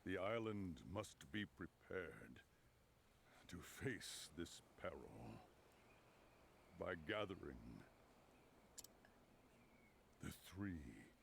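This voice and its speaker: An actor playing a wise, grave old master in a video game, speaking in a gravelly, solemn, formal way. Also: male voice, big pitch swings, very slow, pauses often, slight background noise, exaggerated voice. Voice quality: deep, gravelly.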